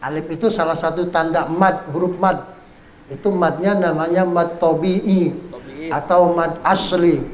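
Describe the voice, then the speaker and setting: A man teaching Quran recitation rules, patiently repeating examples slowly and chanting verses. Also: a little high, muffled recording. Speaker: Islamic teacher. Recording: echoey room with faint ambience.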